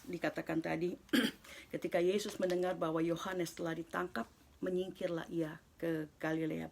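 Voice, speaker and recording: Soft-spoken woman teaching the Bible. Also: fairly low pitch, a little hiss or hum. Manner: reads softly and slowly, often sinking into a breathy whisper; explains in a loose, talkative way with many fillers. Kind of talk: scripture reading and Bible study explanation.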